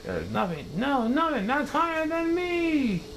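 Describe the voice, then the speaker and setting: A man voicing a pompous, boastful male turtle king, shouting his commands in a grand manner. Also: wildly swooping pitch, measured pace, slight background noise, full character voice. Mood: indignant. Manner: shouting, grandiose, high and strained.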